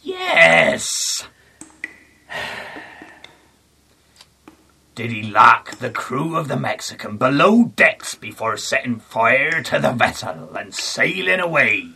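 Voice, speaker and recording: A man doing a smug gravelly pirate. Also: medium pitch, sing-song, pushed and bright, heavily acted. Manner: slow, smug, chuckling. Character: smug laughing male pirate. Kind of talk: comedy audio drama.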